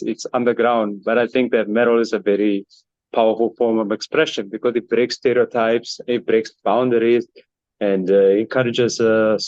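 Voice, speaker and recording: Guy from botswana in a band interview, lots of uh's, lowish voice, kinda muffled. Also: a little mellow, no echo. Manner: earnest, with many "uh" fillers. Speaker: band member, guest. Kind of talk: casual interview answers.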